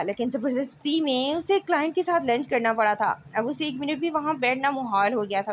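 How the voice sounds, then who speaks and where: A woman narrating a romance novel in a steady storytelling manner. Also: high voice, slight background noise. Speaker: audiobook narrator.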